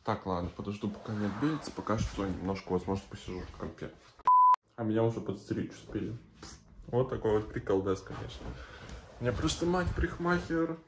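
A man's voice: on the low side, fairly quick, echoey room. A young man with a slight slushy lisp chats in a slangy, rambling way for a casual home video diary. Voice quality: slight slushy lisp from whitening strips on teeth. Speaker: vlogger. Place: indoors at home. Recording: clearly noisy background with clicks.

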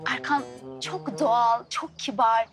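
A woman's voice: on the high side, unhurried, natural voice. An actress playing a flighty young woman who gushes and snaps back in a sitcom. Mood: gushing. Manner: gushing then sharp and dismissive. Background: background music.

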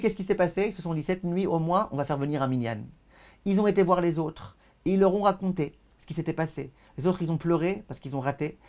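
A man, a rabbi giving a lesson over a video call. He declaims passages loudly, then translates them more calmly, and often repeats words as he searches for them. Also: high voice. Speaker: rabbi teaching.

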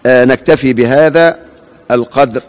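A man with an Egyptian accent teaching hadith in a classroom lecture, quizzing his students and slowly repeating and spelling out names. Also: mid-range voice. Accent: Egyptian Arabic. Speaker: hadith professor. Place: large mosque hall. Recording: long hall reverb.

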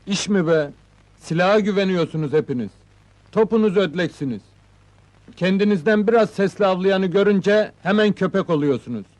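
An actor playing a cocky, street-smart young watermelon seller in a comedy film, talking brashly and defiantly. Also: male voice, high-pitched, moderate pace, a little mellow, lightly acted. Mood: swaggering. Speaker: watermelon seller posing as goalkeeper. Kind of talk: 1970s comedy film dialogue.

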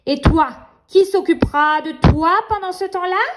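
A woman's voice: very high voice, normal speed. A woman voicing a huge, menacing nightmare monster from a children's storybook, with a sneering, taunting villain delivery. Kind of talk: children's storybook read aloud.

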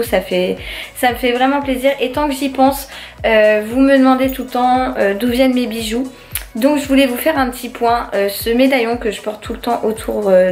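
A chatty young woman in her twenties rambles casually to camera, full of fillers and restarts. Her voice sits a little high. The room around her rings with echo. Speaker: vlogger. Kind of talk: casual vlog chat to camera. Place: her home, indoors.

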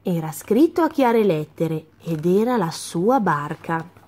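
A woman reading a children's story aloud, clear and gently expressive. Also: on the low side, takes it slowly.

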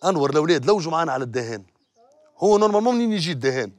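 A man's voice: a little high, very animated, rapid-fire, no echo. A man with a Tunisian accent, hosting a TV show outdoors and bantering playfully with a street crowd. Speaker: TV show host.

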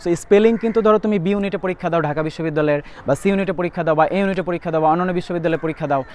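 Fast-talking young male English tutor. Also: sits high, darkish tone, slight background noise. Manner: rapid explanatory talk, spells words letter by letter. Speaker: admission test English tutor. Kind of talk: spoken lesson to students.

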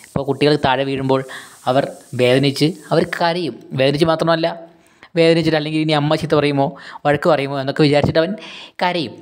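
A man's voice: a little high, fairly even intonation, fast talker, clean tone. A man teaching a school poem in a casual lesson. He talks patiently, going back over points and asking questions to answer himself.

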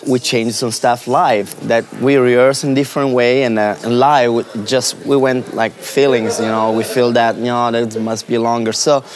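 A man's voice: mid-range voice, level tone, normal speed, few pauses. Man musician searching for words. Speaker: band musician. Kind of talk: backstage interview. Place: backstage room with curtains.

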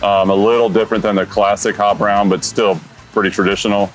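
A restaurant owner chats casually and enthusiastically about his dishes in a dining room, wearing a lapel mic, with music underneath and a rough recording. His voice is fairly low with little pitch movement, a little fast, easygoing and sprinkled with fillers like "you know".

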